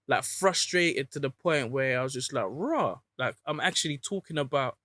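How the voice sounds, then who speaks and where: A man's voice: mid-range voice, brisk, sharp tone, no echo. A man in his thirties with a London accent, chatting casually as an interview guest in roadman street slang. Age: 30s. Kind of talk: casual chat.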